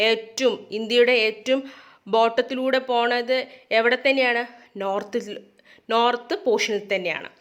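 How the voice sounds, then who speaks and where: A woman teacher explains a lesson, mixing in English terms and asking questions that she answers herself. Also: fairly high pitch. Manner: mixes English terms into her speech.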